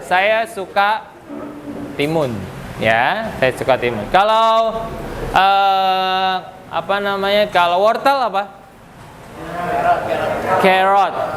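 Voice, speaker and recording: A man teaching English to a classroom, cracking jokes and firing questions at the students. His voice sits high for a man, and he talks slowly and deliberately. The recording carries steady classroom noise. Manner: joking, asks the class questions.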